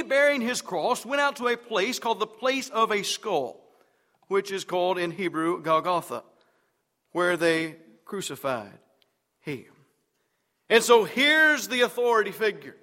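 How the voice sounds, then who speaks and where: High bright-voiced male preacher, emphatic sermon delivery, long reverb of a church sanctuary. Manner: emphatic, rising to shouts on key words.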